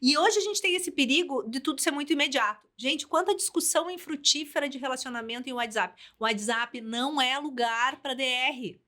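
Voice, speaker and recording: A psychologist and couples therapist with a Brazilian Portuguese accent, explaining and giving advice in a podcast conversation. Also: female voice, high-pitched, brisk, hardly any pauses. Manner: animated, explanatory, speaks in advice.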